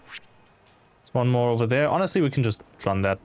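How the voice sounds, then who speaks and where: A man's voice: medium pitch, lively intonation, moderate pace, a little mellow. A man giving casual livestream commentary as he plays, rambling along with muttered asides. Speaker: game streamer.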